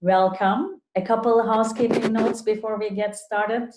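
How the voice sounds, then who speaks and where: A woman's voice: fairly high pitch, fairly even intonation, normal speed, background noise. A woman from Turkey hosting an online webinar, introducing the guest speaker with frequent hesitations and fillers over a video call. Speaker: webinar moderator. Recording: roomy echo.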